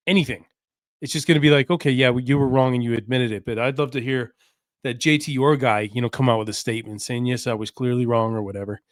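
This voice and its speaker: A man's voice: mid-range voice, no room sound, studio quality. A man hosting a casual solo sports podcast, talking in a loose, rambling way with lots of fillers and restarts.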